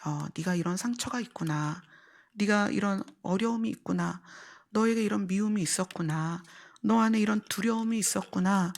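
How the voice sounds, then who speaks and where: In a church sermon mixing instruction with illustrations, a woman pastor explains things one step at a time, returning to key phrases and questioning her audience. She speaks at normal speed in a mid-range, slightly mellow voice.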